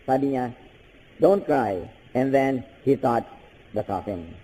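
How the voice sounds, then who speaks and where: An older man with a Filipino accent, preaching a sermon with animated bursts and switching between Tagalog and English. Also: slow, slight background noise. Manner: animated preaching with sudden high-pitched bursts. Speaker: pastor. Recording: hall with long reverb.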